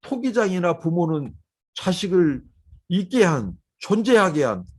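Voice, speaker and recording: Male pastor, slightly high voice. Emphatic sermon delivery full of rhetorical questions. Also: big pitch swings, unhurried, breathy edge. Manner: voices the complaints of the clay pot and the child in a quoting tone.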